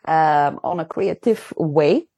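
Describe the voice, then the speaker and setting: A woman guest, a dog dancing champion, answering interview questions in halting non-native English, often searching for words. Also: low-pitched, mellow, dry recording, dull audio.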